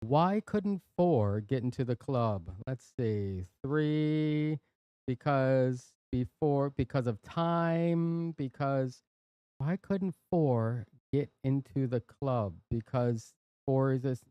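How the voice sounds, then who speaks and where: Slow, mellow-voiced male stream host. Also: mid-range voice, smooth, no echo, highs cut off. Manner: playful and jokey, reads out viewer jokes. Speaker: livestream host. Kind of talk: casual chat on a live stream. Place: workshop and studio.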